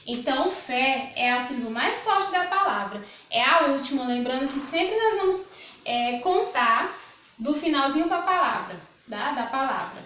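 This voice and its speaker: A Brazilian Portuguese woman teaching a primary school grammar lesson, patient, repeating words slowly and checking in with the children. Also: sits high, expressive, bright, forceful tone, reverberant, a little hiss or hum.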